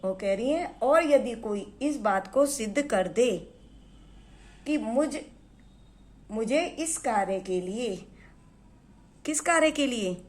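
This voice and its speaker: A woman teaching Hindi poetry on her own channel. She explains the verses line by line, glosses words, repeats herself, and reads the verse lines louder. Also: on the high side, expressive, slow pace, pauses often.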